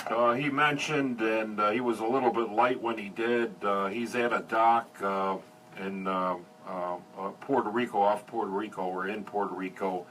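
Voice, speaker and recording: A man's voice: lowish voice, fairly even intonation, moderate pace, a bit bright. A man acting as net controller on two-way amateur radio, politely hesitant and spelling things out phonetically. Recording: distant, faintly noisy radio audio.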